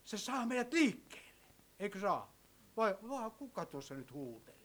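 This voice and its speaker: A middle-aged man preaching a sermon, telling stories and moving between soft and loud delivery. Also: sits high, very animated.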